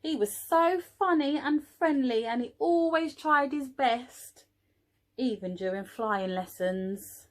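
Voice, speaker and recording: A woman reading a picture book aloud to young children, expressively, pausing for little asides to the listeners. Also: high voice. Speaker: early years teaching assistant reading a storybook.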